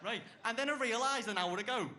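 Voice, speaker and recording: A man's voice: very high voice, brisk, bright, forceful tone. A young man doing a stand-up routine on a club stage, brash and swearing, chuckling at his own lines. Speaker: stand-up comedian.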